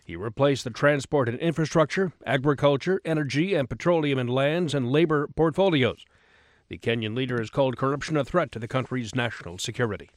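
A man reads radio news from a script. His voice sits at a middle pitch, recorded dry and close with no room sound. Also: fairly quick, no echo. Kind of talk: scripted news bulletin reading.

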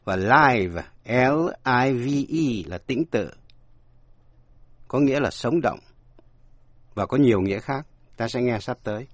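Slow, measured man teaching vocabulary. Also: medium pitch, animated, no room sound. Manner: spells out words letter by letter, measured. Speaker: language teacher. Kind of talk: scripted radio lesson.

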